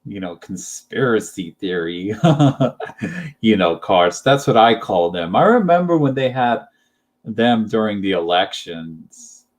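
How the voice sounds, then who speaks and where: A man's voice: on the low side, expressive, slow pace. A young man chatting casually as a channel host, rambling and hesitant, full of fillers and little laughs. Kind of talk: casual chat.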